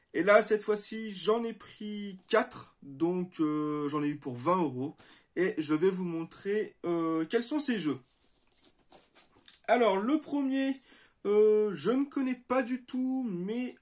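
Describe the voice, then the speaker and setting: A man hosting a casual gaming vlog, talking to his viewers in a friendly, chatty way and pausing often with filler sounds. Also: high voice, animated, darkish tone. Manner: hesitant, many filler sounds. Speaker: retro gaming channel host. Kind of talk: casual vlog showing game purchases.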